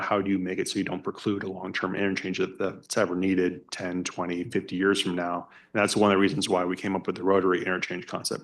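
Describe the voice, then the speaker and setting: Man, very low voice, flat intonation, project staffer, explanatory public meeting answers. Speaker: transportation project staff member.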